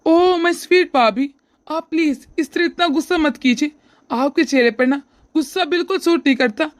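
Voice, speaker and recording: A woman voicing a sly, smug young brother-in-law in a cartoon, with an oily, teasing manner and a high, dry voice. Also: normal speed, no echo, lightly acted. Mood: leering. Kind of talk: cartoon voice acting.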